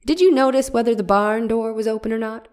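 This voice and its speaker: Reading dramatically from a trial transcript, a woman takes the part of a probing 1890s defense attorney who hammers a witness with leading questions. Her voice is a little high and a little mellow, close to everyday, and she speaks a little fast.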